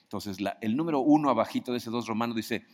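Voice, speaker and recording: Delivering a sermon in a conversational manner, this preacher often questions his listeners and performs the voices of people he quotes. He talks quickly in a mid-range, darkish voice, with long reverb from the hall.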